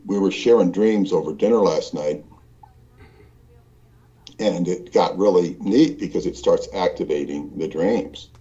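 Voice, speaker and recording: A man's voice: sits low, measured pace, pauses often, dark tone, muffled recording. A man speaking over an internet call from a hotel hallway, sounding distant and echoey as if in a cave, rambling with many fillers and restarts. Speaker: guest calling in from a trip. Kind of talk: casual call-in chat. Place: hallway of a small hotel room.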